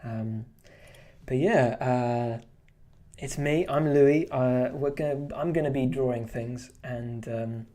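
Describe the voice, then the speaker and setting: A streamer and artist chats casually while drawing on a live stream, rambling with lots of fillers and restarts. His voice is medium-pitched and warm, and he talks slowly.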